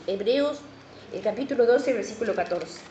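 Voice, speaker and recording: A fairly high-voiced middle-aged woman pastor with a Rioplatense Spanish accent, preaching earnestly and repeating herself as she tells her own story. Her voice rings through an echoey church hall on a dull, lo-fi recording with faint ambient noise. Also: expressive, normal speed. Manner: earnest storytelling, repeats words and often says amen. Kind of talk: sermon with personal testimony.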